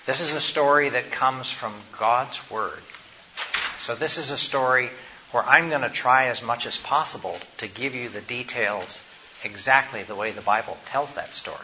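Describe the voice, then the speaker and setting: A man's voice: mid-range voice, normal speed, sharp tone. A man presenting health education to a group, praying, telling a Bible story, and then quizzing his listeners with questions. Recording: slightly dull recording, faint noise.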